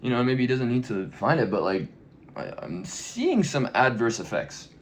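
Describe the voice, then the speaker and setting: A young man talking in a casual, rambling way, full of slang and "you know", often dropping into mumbled, breathy asides. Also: mid-range voice, sing-song, normal speed, slight background noise. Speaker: vlogger. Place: backyard outdoors.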